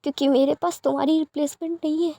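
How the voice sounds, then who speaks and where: A woman voicing an angry young man scolding and shouting at his beloved in a storybook reading. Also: high voice, fairly even intonation, fast talker, vocal fry, no echo, pitched above the performer's own voice.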